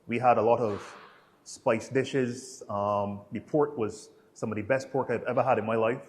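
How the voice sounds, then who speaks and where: A husky, mid-range voice with fairly level intonation and a moderate pace belongs to a Barbadian travel vlogger in his 30s with a Bajan accent. He talks about his travels and answers interview questions in a relaxed, colloquial style.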